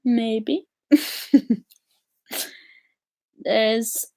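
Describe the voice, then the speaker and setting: A woman hosting a casual live stream, chatty and excitable, answering viewer comments with lots of ums. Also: on the high side, extremely slow. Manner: chatty and excitable, many ums, reacts to comments as they come.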